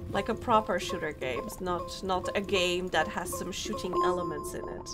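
Over loud music, a Polish VTuber streamer with a fairly low voice chats casually at a normal speed while gaming. She's a young native Polish speaker whose accent comes through as she bubbly greets her viewers.

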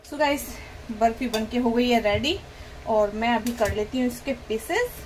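A middle-aged woman with a somewhat high voice chats her way through a home cooking vlog, walking viewers through each step. She is recorded on a nearby phone in a home kitchen, with clear background noise and the clink of pots and dishes around her. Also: normal speed, low-quality recording. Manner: chatty, step-by-step, addresses viewers directly. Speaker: cooking vlogger. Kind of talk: casual cooking vlog narration. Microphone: phone camera held nearby.

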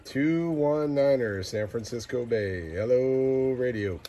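Male CB operator, unhurried clipped call-outs, mistuned ham radio sound, very noisy signal. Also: medium pitch. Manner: clipped call signs and place names. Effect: mistuned ham radio, single-sideband. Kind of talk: repeated CB radio calls.

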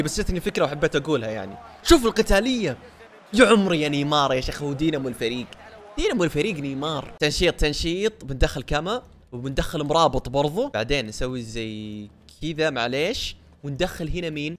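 Fast-talking, excitable young gamer. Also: male voice, on the high side. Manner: excitable, bursts into shouts over goals. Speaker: gaming YouTuber. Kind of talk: live gameplay commentary.

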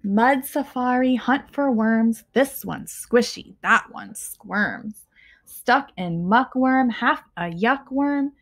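A young teacher with a fairly high voice reads a picture book to kids at a very slow pace. She sets off every short phrase with a pause and clear stress, delivering an expressive storytime from a small living room at home.

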